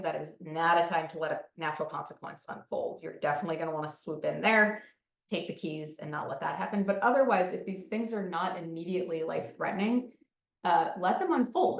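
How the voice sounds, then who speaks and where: Woman psychologist giving a talk, lots of "right?", fry in her voice, roomy muffled recording. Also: on the low side. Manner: conversational, frequent "right?" and "um". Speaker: psychologist presenter. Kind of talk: recorded presentation. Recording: muffled, echoey, from a distance.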